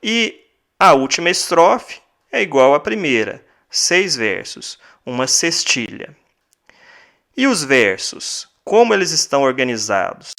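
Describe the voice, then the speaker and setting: A man's voice: fairly high pitch, sing-song, measured pace, creaky, pushed and bright. A male teacher with a Brazilian Portuguese accent, explaining a lesson step by step, repeating key points and counting syllables aloud.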